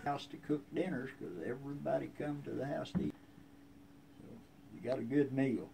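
Out on a covered wooden porch, a man in his seventies with a rural American accent casually shares family history in a folksy, plainspoken style. He speaks at normal speed in a medium-pitched, steady, creaky voice. The recording, made by a handheld phone a few feet off, includes outdoor ambient noise.

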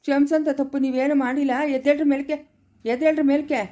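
A high but mellow, firm peacemaking elder brother, acted by a woman with a Chikkaballapura Kannada accent. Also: little pitch movement, fast, lo-fi sound, close to an everyday voice. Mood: coaxing. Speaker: actor in a family drama. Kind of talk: village family drama acting.

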